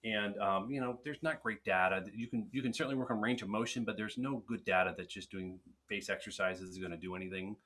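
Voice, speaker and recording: Speaking fast with hardly a pause, a man with a lowish, fairly bright voice takes viewer questions on speech and swallowing. The webinar Q&A is casual, and his advice comes out frank and direct, with frequent restarts.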